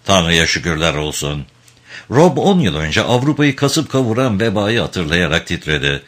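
Deep-voiced, expressive male audiobook narrator.

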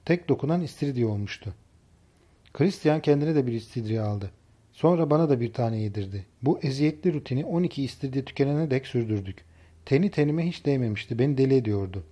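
A male narrator reading a first-person novel aloud for an audiobook. His delivery is calm and even, and his voice is mellow and warm at a middle pitch. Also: quick pace.

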